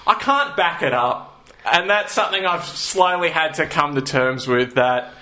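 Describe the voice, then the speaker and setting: A man's voice: fairly high pitch, animated, a little slow, bright, forceful tone. A man, co-hosting a comedy podcast and telling a self-mocking story with acted-out voices. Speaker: podcast co-host. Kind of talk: casual comedic chat.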